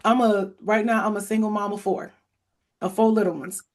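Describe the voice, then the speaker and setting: A woman in her thirties hosting a podcast from home, chatting in an excited, rambling way. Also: mid-range voice, moderate pace. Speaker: podcast host. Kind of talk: casual interview chat.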